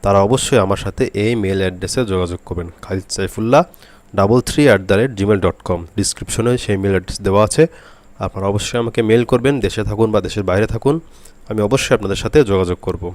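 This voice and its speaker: A man teaching a Quran reading lesson, speaking slowly and repeating each letter drill aloud. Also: fairly low pitch, darkish tone, no room sound. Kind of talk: spoken lesson to camera.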